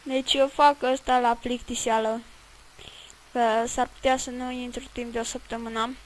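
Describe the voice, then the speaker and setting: A woman's voice: fairly high pitch, flat delivery, a little hiss or hum, rough recording. A woman giving rambling, chatty commentary while playing a video game, swearing at it now and then. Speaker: let's play gamer. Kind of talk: casual gameplay commentary.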